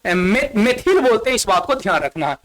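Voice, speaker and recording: A man with a Bihari Hindi accent teaches school chemistry in a classroom-style video lesson. He keeps repeating key terms and firing questions back at his pupils before answering them himself. He counts aloud slowly as he works through the board. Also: high-pitched, very animated, fairly bright tone.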